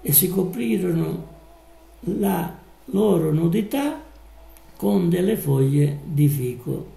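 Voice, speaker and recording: A man preaching a live sermon, slow and emphatic, drawing out his words. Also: high-pitched, animated, creaky, dark tone, roomy sound, rough recording.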